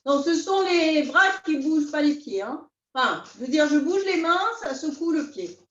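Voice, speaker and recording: A woman teaching a beginners' qi gong class, calmly guiding her students step by step. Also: high voice. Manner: calm, unhurried, step-by-step guidance. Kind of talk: guided class instruction. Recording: roomy, distant, dull sound.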